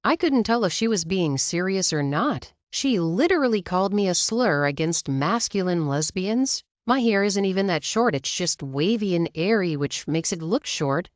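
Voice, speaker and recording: A woman's voice: lowish voice, animated, moderate pace, few pauses, no room sound. A woman narrating a Reddit story in the first person, with sarcastic asides. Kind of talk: reading a Reddit story aloud.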